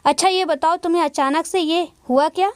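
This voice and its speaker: A woman voicing a young man in a storybook reading, a smooth, evasive husband. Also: very high voice, brisk, no room sound, clean studio sound. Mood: coaxing.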